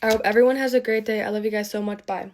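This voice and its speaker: Flat-voiced young woman vlogging over noise. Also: mid-range voice, racing. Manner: upbeat, gushing sign-off to viewers. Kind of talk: casual get-ready-with-me chat.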